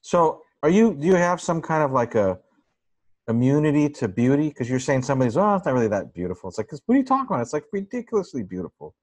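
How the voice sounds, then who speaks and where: A man's voice: a little high, very animated, quick pace, darkish tone. A man hosting a casual video call chat, effusive and enthusiastic, often searching for words. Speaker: host interviewing a photographer.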